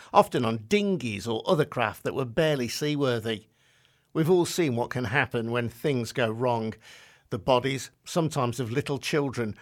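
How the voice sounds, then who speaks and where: A man with a mid-range voice hosts a news podcast. He reads his scripted introduction in an earnest, clearly articulated way and then turns to questioning his guest. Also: medium pitch. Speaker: podcast host. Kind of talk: scripted news narration and interviewing.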